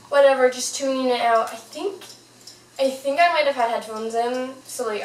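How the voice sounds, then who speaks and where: A young woman telling a personal story in a casual, chatty, informal way, as a vlogger to her viewers. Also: on the high side. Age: young adult. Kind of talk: casual storytime, paranormal anecdote. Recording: roomy, distant mic, fan noise. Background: whirring fan.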